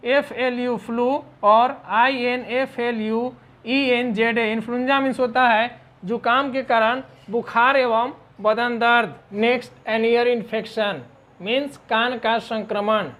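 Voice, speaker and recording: A fairly high-voiced woman leads a vocabulary lesson. She spells each word out letter by letter, then explains its meaning at a patient, measured pace. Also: fairly bright tone. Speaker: English teacher.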